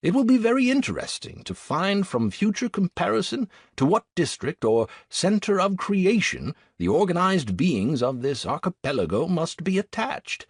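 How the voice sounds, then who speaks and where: An earnest naturalist, read by a man, sets down his journal in formal, old-fashioned phrasing. The voice is husky and moves freely up and down, with a close, dry sound. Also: high-pitched, sing-song, moderate pace, hardly any pauses, no room sound, pitched above the performer's own voice, heavily acted. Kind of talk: quoted journal passage in an audiobook.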